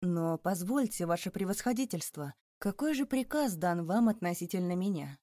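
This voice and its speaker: A woman's voice: on the low side, lively intonation, moderate pace, dark tone, no room sound, studio quality, natural voice. A woman voicing a terrified older male banker who pleads and exclaims in rising panic. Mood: panicked.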